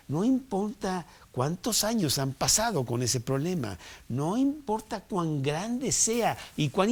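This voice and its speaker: A male pastor delivers an unhurried sermon. His pitch swings widely as he exclaims over the story, and he turns often to chatty asides. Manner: animated, exclamatory, conversational asides.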